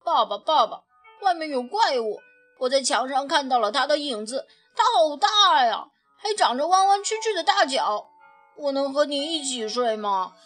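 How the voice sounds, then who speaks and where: A woman's voice: high voice, animated, moderate pace, fairly bright tone, soft background music, voice pushed up. A woman voicing a frightened little bear cub begging to sleep with his father in a children's story. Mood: scared. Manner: pleading, breathless, childlike. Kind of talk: storybook reading.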